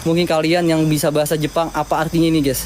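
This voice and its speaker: A man talking casually to viewers as host of a ghost-hunting night vlog, halting and repeating himself. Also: on the high side, little pitch movement, darkish tone. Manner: repetitive, halting, often addresses listeners directly. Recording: noisy outdoor night recording with insects.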